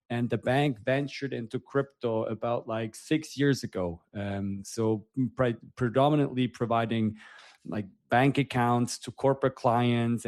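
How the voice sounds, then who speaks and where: Man as a panel guest, mid-pitched and earnest, dry close sound. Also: darkish tone, no room sound. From Switzerland. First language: Swiss German. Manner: earnest, searching for words, many fillers. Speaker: panel guest, investment manager. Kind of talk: casual self-introduction. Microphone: remote audio call.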